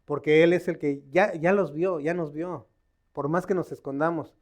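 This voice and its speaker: Higher-voiced man preaching casually. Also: fairly even intonation, moderate pace, a little mellow. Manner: conversational, quizzing the audience with questions; stops to search for words, with many fillers and restarts. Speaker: lay preacher at a Bible study. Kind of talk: informal sermon.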